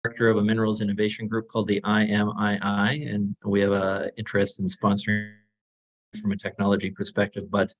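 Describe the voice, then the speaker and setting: A man in his fifties, a panelist, speaking over a remote video call whose audio breaks up, with a measured, halting delivery. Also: fairly low pitch, monotone. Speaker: panelist, director of an industry innovation group. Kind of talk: conference panel remarks. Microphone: laptop or webcam mic on a video call. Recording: lo-fi, dull video-call line.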